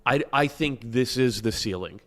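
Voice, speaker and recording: A man with an ordinary middle pitch sets out his case on a soccer panel. He argues in a measured, firm way. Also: expressive, a bit bright. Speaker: analyst. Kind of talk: casual panel discussion.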